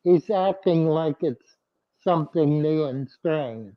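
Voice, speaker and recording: A man with a slightly higher voice speaks slowly and calmly, giving plain advice to a caller. His clip-on mic sounds muffled and dull, as if only the low end gets through. The talk is relaxed and live. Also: no room sound. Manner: slow, plain, reassuring advice. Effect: muffled, bass-heavy sound from a clip-on mic. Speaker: host of an aquarium livestream. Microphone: clip-on lapel mic.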